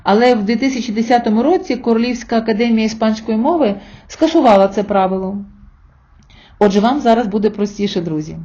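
A woman's voice: a little high, fast talker, warm tone, dull audio. A middle-aged woman giving an online language lesson, patiently spelling out sounds and examples for her viewers. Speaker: Spanish teacher.

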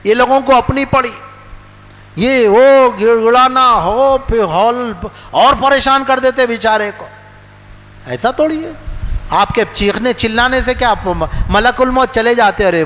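High-voiced preacher in a reverberant hall. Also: male voice. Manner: emphatic, repeats phrases, swings between soft low lines and raised outbursts. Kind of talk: religious sermon. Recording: long hall reverb with faint noise.

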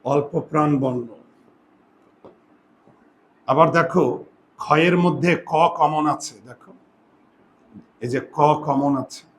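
A man's voice: on the high side, a bit bright, a little hiss or hum. A male teacher giving a grammar lesson, explaining step by step and often asking whether his students follow.

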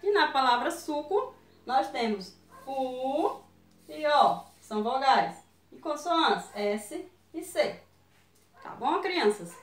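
A woman with a Brazilian Portuguese accent teaching young children, speaking slowly and patiently and sounding out syllables and letters one at a time. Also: high voice, sing-song, echoey room, distant mic, soft background music. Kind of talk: online lesson for young children.

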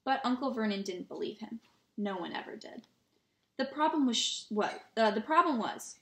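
Woman reader, casual storybook read-aloud, mid pitch, roomy room sound. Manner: relaxed reading with small slips and restarts. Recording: roomy echo.

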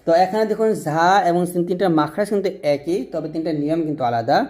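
Male recitation teacher, patient drill style, slightly high, mellow tone. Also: fast. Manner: patient, repetitive drilling with call-and-repeat prompts. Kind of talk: instructional lesson on Arabic letter pronunciation.

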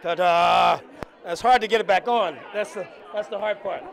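A man hosting a red carpet interview outdoors at a film festival, upbeat, flattering and joking. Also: high-pitched, moderate pace, vocal fry. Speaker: host. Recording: crowd and music outdoors.

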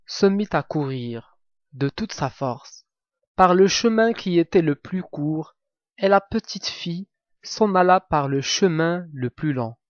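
Very slow, careful male storyteller. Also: on the high side, dry recording, lo-fi sound. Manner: careful, clearly articulated reading. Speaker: French reading teacher. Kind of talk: slow read-aloud of a fairy tale.

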